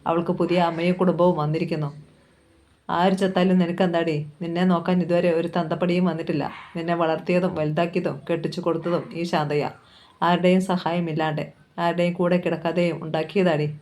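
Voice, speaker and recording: A woman's voice: lowish voice, level tone, fairly quick, a little mellow, close to an everyday voice. A woman voicing a harsh, bitter old mother who snaps back with scorn. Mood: scornful. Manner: scornful, snapping.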